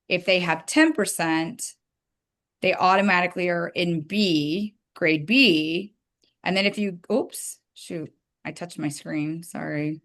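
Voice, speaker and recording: A woman with a slightly low voice gives a dental hygiene webinar from her slides. She talks in a relaxed, chatty way, with fillers and quick apologies when she trips up. She sounds like she is on a computer microphone on a video call. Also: vocal fry. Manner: casual, chatty, apologetic asides.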